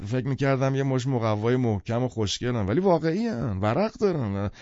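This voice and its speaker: A man voicing an excitable half-drunk middle-aged man who stammers and marvels, in an audiobook. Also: medium pitch, no room sound, close to an everyday voice. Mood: excited. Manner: slurring, stammering, wonder-struck. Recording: dull lo-fi dry recording.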